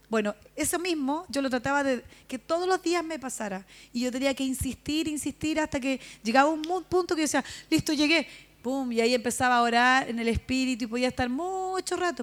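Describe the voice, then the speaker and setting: A woman pastor preaching a sermon, telling a personal story with animated asides and questions to the congregation. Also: high voice. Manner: animated storytelling, acting out her father and herself, asking the audience questions.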